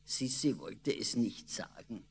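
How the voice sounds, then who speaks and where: A man narrating a children's story in a slow, expressive way. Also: mid-range voice, creaky, slight background noise. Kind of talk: storybook reading. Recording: long reverb.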